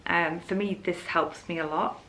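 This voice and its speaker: This young woman from Hull talks to her vlog viewers in a rambling, open, casual way, her Yorkshire English accent clear throughout. Her voice is lowish and bright, with a forceful tone, fairly even intonation and a moderate pace. The low-quality recording carries a little hiss or hum.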